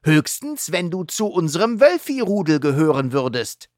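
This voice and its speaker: A woman's voice: sits low, sing-song, moderate pace, a little mellow, dry recording, clean studio sound, pitched above the performer's own voice. A woman voicing a bossy, boastful werewolf kid who talks in a cocky, threatening way.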